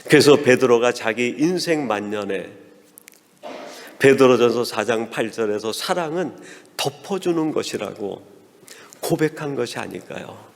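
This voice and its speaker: A pastor delivers a sermon from the pulpit, narrating a story and voicing the quoted exchanges more softly. His voice sits at an ordinary male pitch. The sound carries the long reverb of a church sanctuary. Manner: storytelling, acting out quoted dialogue in a softer voice.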